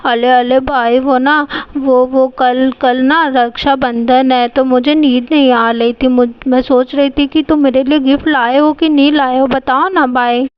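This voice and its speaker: A woman's voice: high-pitched, steady tone, unhurried, hardly any pauses, clear, resonant tone, dry recording, lo-fi sound. A woman voicing a little girl doll who pleads in babyish, lisping talk in a doll storybook play. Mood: pleading.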